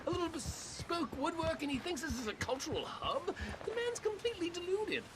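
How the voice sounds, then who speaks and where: High-voiced, haughty city lady. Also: very animated, brisk, background noise. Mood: disdainful. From New York City. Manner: theatrical, genteel, wordy. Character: stranded, haughty, chatty city lady in the Old West. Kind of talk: video game period drama acting.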